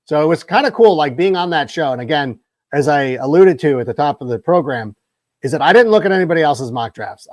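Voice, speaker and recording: Guy hosting a sports podcast, kinda high voice, goes off on long rambly stories, dry close sound. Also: darkish tone, no room sound. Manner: long-winded, rambling storyteller. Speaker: podcast host. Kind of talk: casual sports podcast chat.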